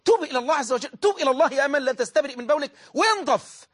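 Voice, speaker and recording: A man's voice: extremely high pitch, lively intonation, racing, fairly bright tone. A man with an Egyptian Arabic accent preaching a religious sermon, emphatic and repeating phrases for stress.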